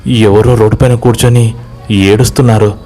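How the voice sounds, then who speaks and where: A man's voice: on the low side, flat delivery, moderate pace, dark tone, soft background music, natural voice. A man voicing a blunt village man with a Telangana accent in a story. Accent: Telangana Telugu. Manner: rustic, blunt. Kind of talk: horror story voice acting.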